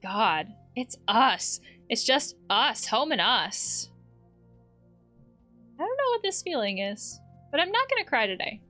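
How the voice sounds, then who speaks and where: A woman who works as a counselor, playing a video game and chatting reflectively as she reads the game text aloud with soft laughs. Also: fairly high pitch, sing-song, measured pace, soft background music. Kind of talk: let's play commentary.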